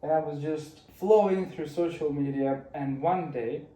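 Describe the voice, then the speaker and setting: A man's voice: a little high, measured pace, mellow. Young man, chatty, roomy. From Costa Rica. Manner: chatty, rambling storytelling with many restarts. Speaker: vlogger. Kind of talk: casual weekly recap monologue. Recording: roomy, from a distance.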